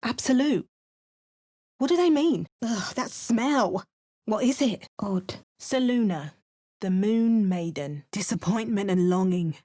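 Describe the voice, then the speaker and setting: Warm and animated yet slow, this woman's mid-range voice carries no room sound. She performs video game lines as a cautious, resolute British adventurer, alternating wry remarks with fairytale-style narration.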